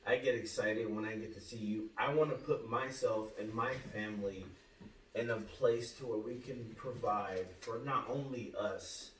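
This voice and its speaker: A man in his thirties hosting a podcast, talking earnestly in casual chat with halting restarts. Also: fairly low pitch, steady tone, fairly bright tone. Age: 30s. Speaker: podcast host. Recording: roomy, distant mic with faint hum.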